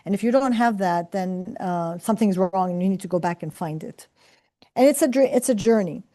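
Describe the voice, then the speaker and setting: A woman's voice: medium pitch, brisk, warm tone. A middle-aged woman professor from Palestine, speaking earnestly and reflectively to students about career and purpose, with many fillers and restarts. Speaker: professor and scientist.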